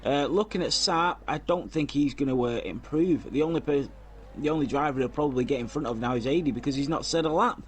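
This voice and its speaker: A man's voice: on the high side, fairly quick, a little hiss or hum. Man calling a sim race. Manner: casual, chatty, reads out lap times and viewer comments. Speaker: race commentator. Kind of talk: live sim racing commentary.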